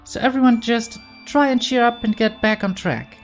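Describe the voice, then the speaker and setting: A woman's voice: on the high side, moderate pace, pitched above the performer's own voice, natural voice. Woman as an earnest, encouraging teenage girl. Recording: game music behind.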